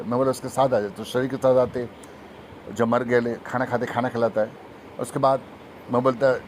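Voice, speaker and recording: A man preaching a fervent testimony sermon, talking fast and emphatically, with faint traffic noise behind. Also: mid-range voice, a little mellow. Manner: fast-talking, emphatic, breaks into sung hymn.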